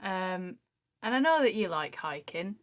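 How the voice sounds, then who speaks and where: A woman's voice: on the low side, animated, a little slow, no room sound, studio quality. A woman co-hosting a casual podcast, chatty and joking, a little tipsy from day drinking. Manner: chatty, swearing, joking, with fillers. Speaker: podcast co-host. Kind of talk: casual chat.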